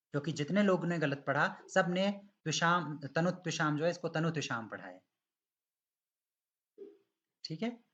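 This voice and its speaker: Man, online class teacher, patient, demonstrates lines slowly. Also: fairly high pitch, fairly bright tone, lo-fi sound. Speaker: Sanskrit pronunciation teacher. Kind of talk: online class correcting students.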